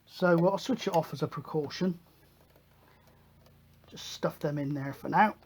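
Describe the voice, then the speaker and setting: A man's voice: fairly high pitch, measured pace, slightly rough. A British man hosting a hobby electronics video, talking through a hands-on demonstration in a chatty, matter-of-fact way.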